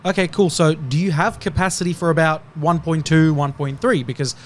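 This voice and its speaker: A man on an investing panel telling a client story in casual chat, halting and repeating words as he goes. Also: a little high, fairly even intonation, slight background noise.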